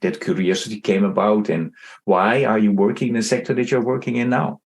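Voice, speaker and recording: A man's voice: lowish voice, steady tone, a little fast, creaky. A man hosting an interview podcast, introducing and questioning a guest in conversational speech. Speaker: podcast host.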